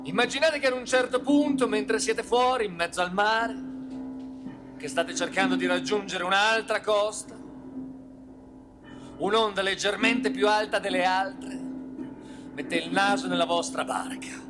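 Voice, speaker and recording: A stage monologist with a high-pitched voice performs a theatrical satirical monologue, unhurried and with long pauses. His storytelling is dramatic, colloquial and sardonic, leaning on rhetorical repetition. Loud live plucked guitar music accompanies him.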